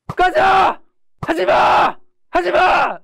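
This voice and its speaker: A man acting out a bullied schoolboy who shouts back at his tormentor in a shrill, full-voiced yell. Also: extremely slow, gravelly, no echo, some chatter behind, heavily acted. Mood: shouting.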